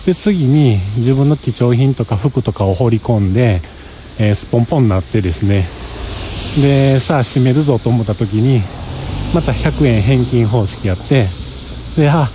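A man's voice: medium pitch, moderate pace, warm tone, a little hiss or hum. A man with a Kansai accent, chatting in a rambling, self-mocking way for a casual travel diary while walking outdoors across a parking lot. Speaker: travel vlogger.

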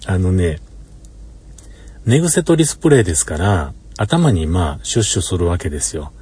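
A man's voice: deep voice, big pitch swings, a little slow, long pauses, darkish tone, breathy edge. A man with a Kansai accent rambling in an easygoing way in a casual solo monologue, often chuckling, recorded inside a parked car. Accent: Kansai Japanese. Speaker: solo podcaster.

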